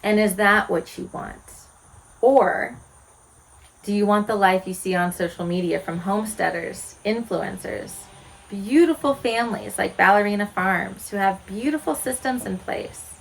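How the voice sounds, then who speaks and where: Frank woman, about forty, homestead vlogger; earnest rhetorical musings, mid-pitched voice. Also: a little slow, creaky, slight background noise, rough recording. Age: 40s. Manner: earnest, candid, asks many rhetorical questions. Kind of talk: reflective direct-to-camera talk.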